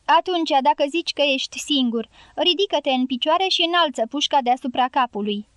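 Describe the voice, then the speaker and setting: A wary soldier questions a stranger in short, commanding orders, as a woman voices him in an audiobook. The voice is high and bright, recorded close and dry. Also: animated, no room sound. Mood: suspicious orders. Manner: suspicious, commanding. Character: wary male soldier guarding a trench.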